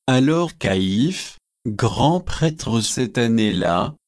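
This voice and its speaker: A man narrates an old religious history in an unhurried, deliberate cadence. His voice sits at an ordinary middle pitch, and he gives each clause its own space. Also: lively intonation. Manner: slow, measured, solemn reading. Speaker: audiobook reader. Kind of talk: scripted narration of a religious book.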